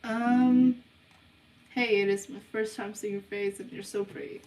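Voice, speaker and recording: A young woman from New hosts a casual livestream Q&A, reading viewers' questions aloud and answering in an unhurried, hesitant way with lots of ums. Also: medium pitch, fairly even intonation, darkish tone, distant mic. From New Zealand. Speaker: livestream host of a subliminal channel. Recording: roomy sound, voice away from the mic.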